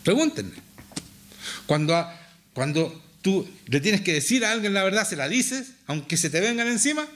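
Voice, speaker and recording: A Chilean man preaching in church, his voice pitched a little high and swinging widely as he stresses each point. He fires rhetorical questions at the congregation and reads scripture aloud with emphasis. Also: very animated, normal speed, a bit bright. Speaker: pastor. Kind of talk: sermon.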